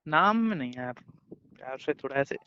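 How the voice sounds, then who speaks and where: A man's voice: on the high side, animated, moderate pace, sharp tone, smooth. A man on a casual romantic phone call, coaxing and playful as he keeps insisting. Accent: Hindustani. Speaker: boyfriend on a call. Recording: muffled phone call recording.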